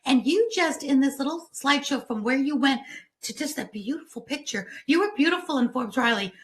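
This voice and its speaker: A woman's voice: high voice, animated, brisk. A woman hosting an interview, responding to her guest in an affirming, rambling way. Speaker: talk show host. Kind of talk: interview chat.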